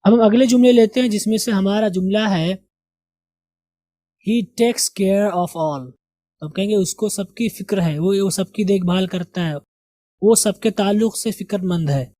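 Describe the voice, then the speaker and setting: A man teaching English vocabulary, repeating each word slowly and correcting pronunciation. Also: high voice, warm tone, dry recording. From India. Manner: slow, drills each word several times.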